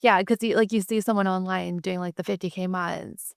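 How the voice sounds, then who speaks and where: Woman podcast host, low voice, vocal fry, smooth resonant tone. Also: fairly quick, no room sound, clean studio sound. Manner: relaxed, agreeable, with "like" fillers. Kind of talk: casual podcast conversation.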